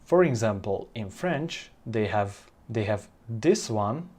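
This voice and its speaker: This informal language tutorial comes from a man from Hungary who speaks Hungarian natively and has a matching accent. He talks in halting, searching phrases. His voice is lowish, animated, and somewhat dark in tone.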